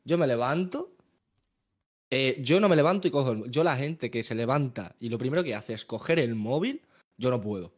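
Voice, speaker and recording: Young Spanish streamer, casual chat, animated, repeats himself, mid pitch. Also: male voice, moderate pace, husky. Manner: animated, repetitive, restarts often. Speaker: streamer and podcast co-host.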